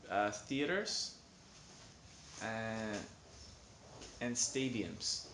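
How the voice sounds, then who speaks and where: A man speaks slowly and carefully, picking simple words and filling gaps with ums. His mid-range voice rings in a roomy, echoing space. A faint hiss sits under the recording. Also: lowish voice, lively intonation. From Canada. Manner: slow, careful and hesitant, with many ums. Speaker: singer answering questions. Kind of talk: slow, simple interview answers. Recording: echoey room with faint noise.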